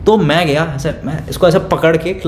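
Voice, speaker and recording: A young man recounts a school story in an animated, gossipy storytime manner, his voice sitting slightly high. The recording sounds roomy and echoey. A faint ambience hums underneath. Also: moderate pace, slight background noise. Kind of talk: casual storytime, mixing English phrases.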